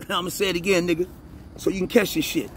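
A man teaching the Bible in a casual, profane way, repeating phrases, reading verses slowly and emphatically, and often asking if you're with him. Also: sits high, fairly even intonation, a little hiss or hum. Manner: reads scripture slowly and emphatically.

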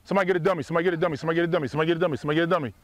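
High-pitched man yelling from the sidelines. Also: fairly even intonation, racing, no echo. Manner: clipped, repetitive commands. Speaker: American football coach. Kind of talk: drill instructions on the practice field. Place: outdoor football field.

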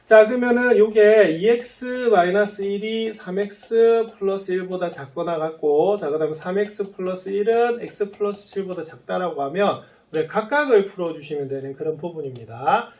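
A man teaching a math lesson who keeps asking his students questions and answering them himself, slowly stretching out the key phrases. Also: sits high, darkish tone. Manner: often starts sentences with "so" and "well then". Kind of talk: lecture.

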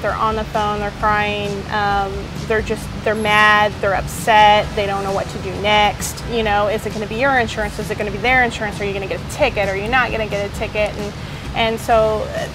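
A woman in her thirties with a fairly high voice walks listeners through a large auto repair garage. She explains each step plainly and practically on a clip-on lapel mic. Background music plays clearly beneath her voice. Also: rough recording. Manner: matter-of-fact, explanatory with fillers. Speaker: body shop manager. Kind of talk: guided workplace tour. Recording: music bed under the voice.

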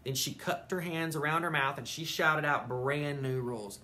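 A teacher reading a children's chapter book aloud at an elementary school, expressive and animated. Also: mid-range voice, normal speed.

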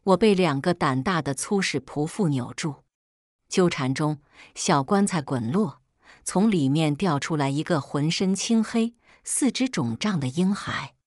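Low-pitched woman narrating a story. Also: animated, a little slow, no echo, studio quality. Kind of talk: scripted narration of a first-person story.

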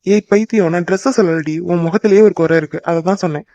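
A man's voice: high voice, fast, warm tone, no echo, highs cut off, natural voice. A young man voicing a teasing, devoted boyfriend in a cartoon, coaxing and joking. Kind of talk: cartoon voice acting.

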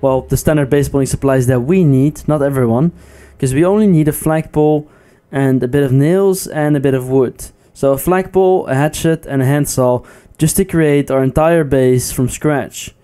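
A man's voice: medium pitch, moderate pace, few pauses, dark tone, clean tone. A man giving casual gameplay commentary, chatty and playful, often laughing. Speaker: gaming YouTuber.

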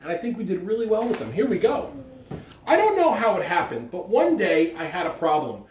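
Reading to children like a school announcer, a middle-aged man gives morning announcements and a story in a high, sing-song, slightly fast voice with a darkish tone. He's indoors in a living room, captured roomily from well away from the mic.

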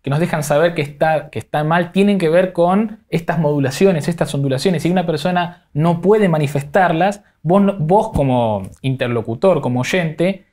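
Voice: mid-range voice, darkish tone. Rioplatense host thinking aloud. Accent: Rioplatense Spanish. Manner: thinks aloud, rephrases guest's points with many fillers. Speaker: interview host. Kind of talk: conversational interview.

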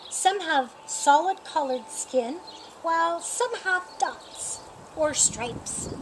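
Outdoors in a sunny yard beside a painted wall, a middle-aged woman reads a rhyming picture book aloud for storytime. Her high voice is expressive, and she takes her time, shaping each phrase with care. Birdsong and ambient outdoor noise come through clearly.

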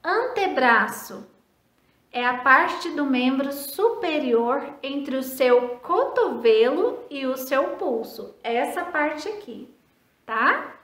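Slow, patient Brazilian woman teacher. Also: high-pitched, expressive, a bit bright, roomy sound. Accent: Brazilian Portuguese. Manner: slow, patient, spells out letters and syllables; asks questions and answers them herself. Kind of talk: recorded class lesson for children.

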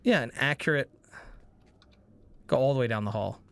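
A man's voice: medium pitch, moderate pace, a bit bright, no echo. A man hosting a let's play, joking through casual gameplay commentary. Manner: joking, laughs often.

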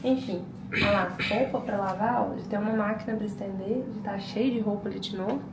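A woman's voice: mid-range voice, a little fast, recorded from a distance. A woman, a mother chatting casually to her viewers at home as she vlogs. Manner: chatty, addresses viewers often. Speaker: vlogger mother. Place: family home, kitchen and bathroom. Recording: echoey home room with background noise.

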